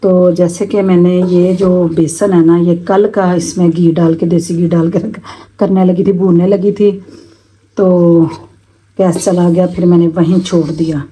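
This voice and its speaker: A woman's voice: fairly low pitch, little pitch movement, a little slow, dark tone, slightly rough, poor audio. A middle-aged woman chatting homely to her viewers as she cooks in her home kitchen, filmed on a phone camera. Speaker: cooking vlogger. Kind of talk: casual cooking vlog narration.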